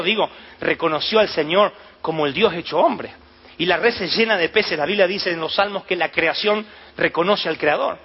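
A man preaching a sermon, telling the story with animated acted-out voices and shouts. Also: sits high, husky, lo-fi sound.

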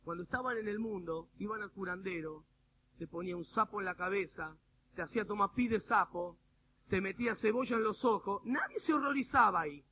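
A man with an Argentine accent preaches with animated humor, throwing in mimicked voices. His voice sits high for a man. The sound is thin and phone-like, as if from a radio broadcast, with a faint hiss underneath. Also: brisk. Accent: Argentine Spanish. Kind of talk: sermon.

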